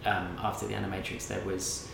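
Brief: low gravelly-voiced man host, rambling casual chat, roomy echo, noise underneath. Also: completely flat delivery, brisk. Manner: rambling and reflective, many fillers.

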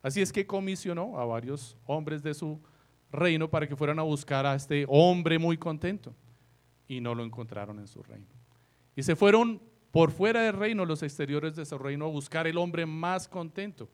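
A man preaching a sermon who asks his listeners rhetorical questions, slows down to repeat key lines for emphasis, and swings between soft remarks and loud, emphatic phrases. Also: fairly high pitch, lively intonation.

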